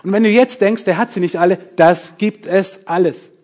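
A middle-aged man preaching a sermon, emphatic and lively, talking straight to his congregation with self-mocking asides. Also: sits high, moderate pace.

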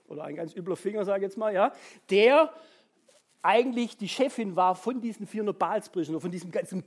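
Husky, lively preacher. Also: mid-range voice. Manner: chatty, tags nearly every sentence with a questioning "ja?"; animated storytelling with sound-effect sighs. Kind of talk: informal sermon retelling a Bible story.

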